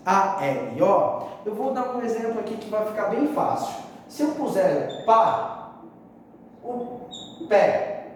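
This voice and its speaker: High-voiced teacher in echoey room. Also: male voice, a little mellow, slight background noise. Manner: friendly, chatty, checks in with "tá?". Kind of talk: casual video lesson. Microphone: phone. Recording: echoey hall-like room, phone held off at a distance.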